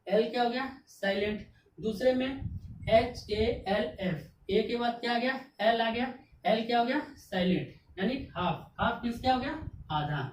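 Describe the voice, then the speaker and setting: A woman's voice: mid-range voice, darkish tone. A woman teaching English grammar, spelling words out letter by letter and answering her own questions. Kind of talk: classroom-style grammar lesson. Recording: echoey room, mic at a distance, faint noise.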